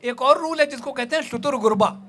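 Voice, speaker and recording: A man's voice: very high voice, brisk, fairly bright tone. A man from India, speaking on a festival stage and explaining rules of poetry with jokes, moving between Hindi-Urdu and English. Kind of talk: lecturing live talk. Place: festival stage before an audience.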